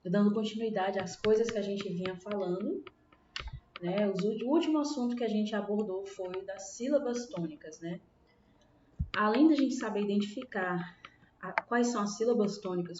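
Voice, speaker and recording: A woman's voice: medium pitch, mellow. A woman with a Brazilian Portuguese accent teaching a primary school class online, patiently checking in with her pupils as she explains. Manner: patient, checks in with frequent tag questions. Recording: roomy, distant, dull lo-fi with faint hiss.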